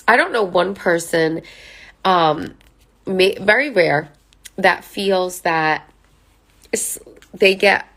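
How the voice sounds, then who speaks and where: Nasal from a sinus infection, a mental health counselor chats casually to camera while working from notes. Her voice sits on the low side, creaky and a bit bright, and she leans on fillers and tag questions, frequently asking "right?" or "okay?".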